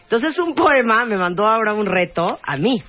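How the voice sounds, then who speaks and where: A woman, hosting a casual radio chat and reading English haltingly and playfully. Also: fairly high pitch, sing-song, faint music behind. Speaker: radio host. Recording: dull lo-fi radio recording.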